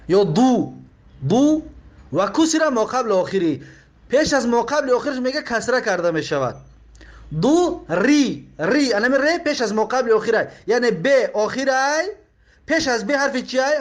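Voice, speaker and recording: High-voiced man teaching grammar, Tajik accent. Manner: slow, repeats words and asks pupils questions. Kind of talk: explaining lesson.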